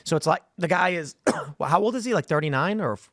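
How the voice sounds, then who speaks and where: A man's voice: on the high side, lively intonation, brisk, fairly bright tone, dry recording, clean studio sound. A man hosting a podcast who speaks bluntly and casually in a political discussion.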